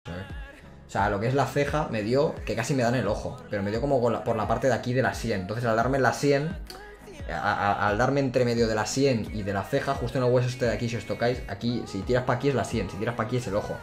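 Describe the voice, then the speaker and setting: A man's voice: medium pitch, brisk, faint music behind. A young man from Spain with a peninsular Spanish accent, a gaming youtuber telling a story in a casual, slangy, rambling way. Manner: animated, slangy, rambling with restarts. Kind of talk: casual storytelling over gameplay.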